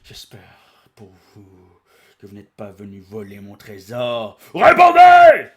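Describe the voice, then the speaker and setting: A man reading aloud and voicing a huge, gruff ogre king who guards his treasure. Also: lowish voice, steady tone, slow pace, lo-fi sound. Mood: threatening. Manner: blustering and threatening.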